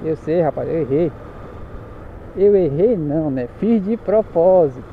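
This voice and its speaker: A motorcycle vlogger from Pará, Brazil, chats casually while riding through the streets, speaking Paraense Brazilian Portuguese in a voice a little higher-pitched than most men's. He is chatty, expressive and unhurried, joking and correcting himself as he goes. The sound is muffled, with loud engine and traffic noise behind him.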